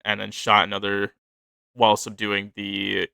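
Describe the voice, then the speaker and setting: A man with a low, fry-edged voice reads his writing aloud in casual chat. He rambles, stops to fix himself and swears without care. The sound is bright and dry, with no room around it. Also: monotone, a little slow, no echo. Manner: rambling, self-correcting, swears freely. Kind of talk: casual chat, reading his own fiction notes aloud.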